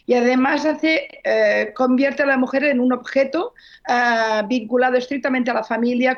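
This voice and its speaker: A woman's voice: fairly high pitch, lo-fi sound. A woman novelist, answering interview questions and telling stories earnestly, often correcting herself mid-sentence. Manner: fluent, earnest, with frequent self-corrections. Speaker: novelist guest.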